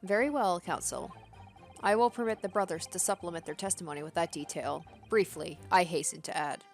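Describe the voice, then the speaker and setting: A woman voicing a dignified, impatient judge in a video game, speaking in a measured, formal and pompous way. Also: fairly low pitch, soft background music, lightly acted. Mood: stern. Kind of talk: video game character read-aloud.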